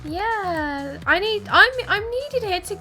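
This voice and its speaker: A young woman chatting casually while playing a game, emphatic and quick to act out what people say. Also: very high voice, animated, bright, forceful tone, faint music behind. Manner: chatty, emphatic, acts out quotes. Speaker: co-host. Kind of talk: casual chat while gaming.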